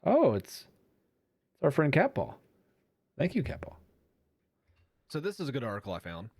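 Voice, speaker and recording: Lively joking man hosting a podcast. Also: mid-range voice, normal speed, slightly rough, no room sound. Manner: joking, lively, talks while reading articles aloud. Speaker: podcast host editing his show. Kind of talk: casual podcast chat and editing commentary.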